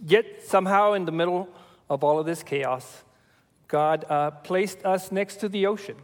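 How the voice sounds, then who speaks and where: A Salvadoran man in his forties shares a personal testimony with his church family, speaking in a reflective, measured way with frequent fillers. His voice is high and echoes through a large hall.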